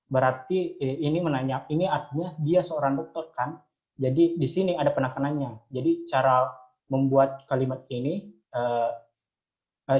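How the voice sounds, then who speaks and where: A man with an Indonesian accent explaining English grammar in a slide lesson, pausing often with fillers as he reads out example sentences. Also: medium pitch, darkish tone, muffled recording. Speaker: English tutor.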